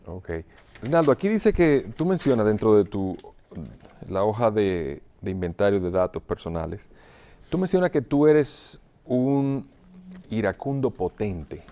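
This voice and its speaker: A man acting as a pastoral counselor, asking calm questions and giving short acknowledgements. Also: on the low side, measured pace. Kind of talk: role-played counseling session.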